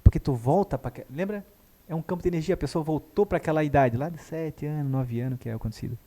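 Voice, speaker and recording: A man, a guest therapist telling a story in a lively way and acting out the dialogue. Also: on the high side, fast. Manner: animated, acts out dialogue. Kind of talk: conversational storytelling.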